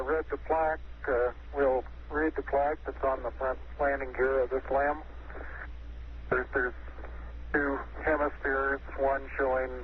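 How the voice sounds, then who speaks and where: A man playing a calm astronaut, his measured, halting speech heard over a helmet radio. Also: medium pitch. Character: male astronaut on the lunar surface, calm and measured. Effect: helmet radio transmission. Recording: tinny radio link with faint hiss.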